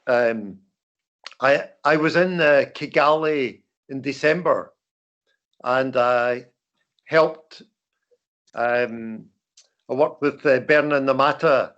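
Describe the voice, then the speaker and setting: A man's voice: medium pitch, a bit bright. Older man with a broad Scottish accent. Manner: halting, repeats words. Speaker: veteran journalist, guest speaker. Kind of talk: informal talk to trainees. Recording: dull lo-fi call audio.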